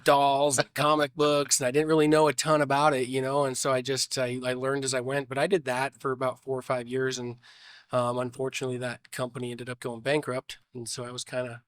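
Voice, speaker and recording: Guy in his 30s w a stuffy sick voice, rambly podcast guest, smooth tone, dry close mic. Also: mid-range voice, monotone, a little fast, no echo. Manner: rambling, many restarts. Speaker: shop owner guest. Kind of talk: casual interview.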